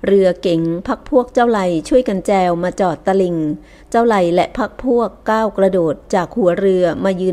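A woman narrates an audiobook. Her storytelling is measured and even. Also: mid-range voice. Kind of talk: scripted narration.

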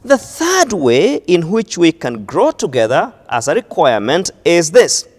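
A man's voice: a little high, huge pitch swings, a little slow, breathy edge, in a large hall. A man with a Kenyan accent preaching a sermon in a church, stressing key phrases by repeating them. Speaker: pastor.

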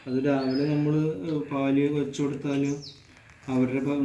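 A man's voice: medium pitch, dark tone, echoey room, slight background noise, poor audio. A man hosting a pet vlog in a chatty, casual way, who sometimes talks tenderly to the animals. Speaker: pet channel host.

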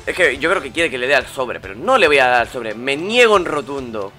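A man's voice: medium pitch, fairly quick, soft background music. A man with a Spanish accent from Spain, commenting on a video game as he plays and reading its dialogue aloud. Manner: excitable, reads game dialogue aloud between loud reactions. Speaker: let's play host. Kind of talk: gameplay commentary.

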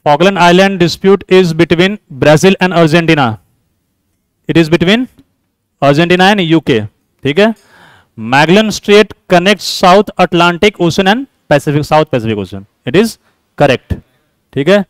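A man's voice: a little high, clear, resonant tone, no echo. A man teaching an exam-prep class, explaining points over and over and quizzing his students. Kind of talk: classroom lecture mixing Hindi and English.

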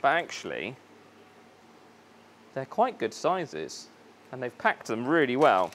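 A man's voice: mid-range voice, huge pitch swings, slow, a bit bright, slight background noise. A man hosting a casual unboxing vlog in his aquarium shop, chatty and enthusiastic, thinking aloud and tripping over plant names. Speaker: fish shop owner and video host.

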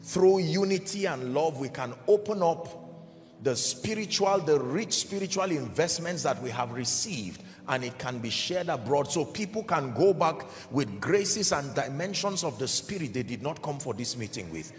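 A man preaching a sermon in an emphatic, deliberate way, calling out to his audience. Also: on the high side, expressive. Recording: reverberant hall with faint background music.

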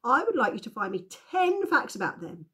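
A woman's voice: fairly high pitch, very animated, brisk, bright, forceful tone. A woman, a tutor who reads a children's story aloud with expression and talks to pupils in a friendly teacher's tone.

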